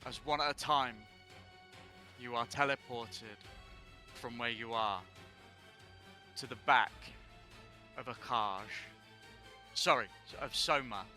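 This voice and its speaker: A man running a tabletop game as dungeon master on a live stream, narrating deliberately and often correcting himself as he goes. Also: mid-range voice, sharp tone, soft background music. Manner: slow, deliberate narration with restarts and self-corrections.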